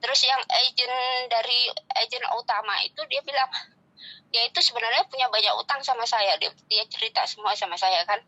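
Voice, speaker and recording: A woman's voice: on the high side, brisk, no room sound, rough recording. A woman from Indonesia, a migrant domestic worker, telling her story casually and acting out the dialogue. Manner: animated, acts out quoted dialogue.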